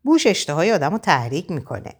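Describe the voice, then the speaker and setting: A woman's voice: deep voice, sing-song, slightly rough, heavily acted. A woman voicing a pushy, blunt young woman in an audiobook.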